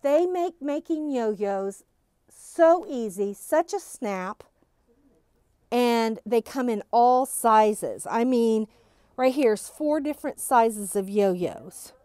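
A bubbly, high-voiced woman who works at a quilt shop walks a phone camera through the store for a casual shop update, wearing a face mask as it follows her. She gushes with enthusiasm, her intonation lively and her pace slow, in a warm tone with no room sound.

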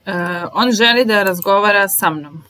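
A woman teaching a language lesson, slowly repeating each phrase and then explaining it. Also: medium pitch, pushed and bright, poor audio. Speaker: German teacher.

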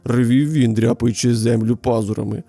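A man narrating a children's fairy tale in an expressive, dramatic storytelling manner. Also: medium pitch, moderate pace, dry recording. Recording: dry studio voice over faint music.

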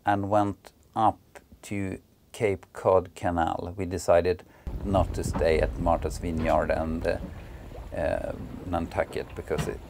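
A middle-aged man from Sweden, a Swedish speaker, narrating his sailing travels in an unhurried way with many filler pauses. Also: low voice, gravelly, darkish tone. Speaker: sailing vlogger.

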